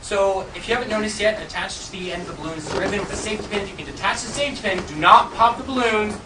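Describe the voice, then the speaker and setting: A high-pitched man performs jokey theatrical magician patter for a live audience. His voice carries across an echoey room, picked up from far off. He talks like a showman running a trick with volunteers, with loud noise over the recording. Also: racing. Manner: jokey, chuckles at own jokes. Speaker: stage magician.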